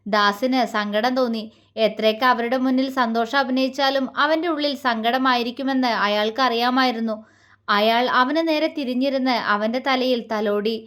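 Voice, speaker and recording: A woman storyteller reading a family romance story aloud in steady, plain narration. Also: on the high side.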